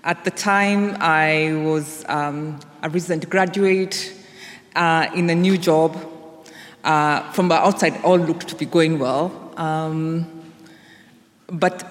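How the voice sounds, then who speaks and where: A woman with a Kenyan accent giving an informal personal testimony to a congregation. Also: low voice. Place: large indoor church or hall. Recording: echoey hall with long reverb.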